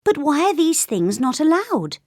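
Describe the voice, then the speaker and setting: A woman's voice: high-pitched, sing-song, moderate pace, darkish tone, no room sound, clean studio sound, voice pushed up. A woman voicing a cheerful, giggly little storybook lady who sounds smiling and sunny. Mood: amused.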